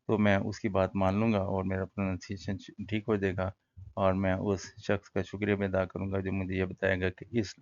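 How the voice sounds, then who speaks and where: A man teaching an English lesson in a relaxed, conversational way, explaining words and pausing often with fillers. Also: sits low, creaky, muffled recording. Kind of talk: casual classroom-style lesson.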